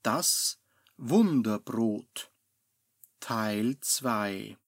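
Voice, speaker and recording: A man narrating a children's story in a calm, unhurried way. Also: fairly low pitch, dry recording, clean studio sound.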